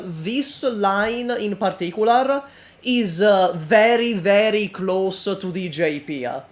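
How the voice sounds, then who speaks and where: A man giving unscripted reaction commentary in a halting, deadpan manner. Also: sits high.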